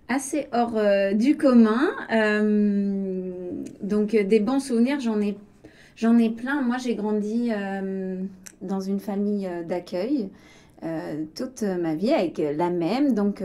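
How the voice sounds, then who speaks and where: She's an interview guest who directs an arts organisation, originally from Vendée in western France, and she tells personal stories casually with a French accent. Her manner is hesitant and reflective, her voice mid-range and mellow.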